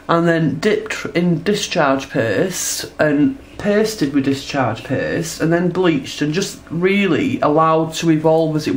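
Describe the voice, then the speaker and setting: There's slight background noise as a woman with a low voice narrates a laid-back tutorial while she draws. Stuffed up from a cold, she demonstrates her textile art and sketches at an indoor table, frequently using tag questions.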